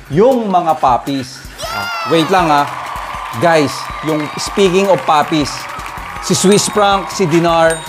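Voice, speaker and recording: A man, a dog breeder chatting casually to viewers at his home kennel, often calling out "guys" and pointing things out. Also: fairly high pitch. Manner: chatty, addresses viewers directly, frequent "guys" and "oh". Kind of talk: casual vlog talk to viewers. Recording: music bed under voice. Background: music playing.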